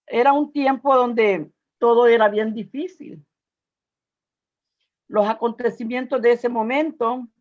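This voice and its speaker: An older woman with a Salvadoran Spanish accent shares a personal testimony with an audience, speaking earnestly and haltingly with searching pauses and repetitions. Her voice is a little high, and the audio sounds dull.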